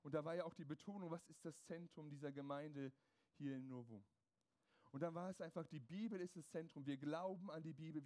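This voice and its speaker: A man with a notably high voice preaching a sermon. He speaks emphatically to the congregation and builds his points through runs of rhetorical questions. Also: mellow.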